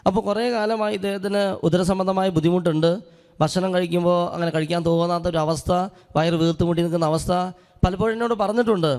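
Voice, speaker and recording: ഒരു പുരോഹിതൻ ഹാളിന്റെ മുഴക്കത്തിൽ, ഒരു അനുഭവകഥ പറഞ്ഞുകൊണ്ടുള്ള പ്രസംഗം. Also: male voice, sits high, steady tone, fast talker, a little mellow. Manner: earnest storytelling, acts out quoted speech. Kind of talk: sermon with a personal story. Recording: long hall reverb.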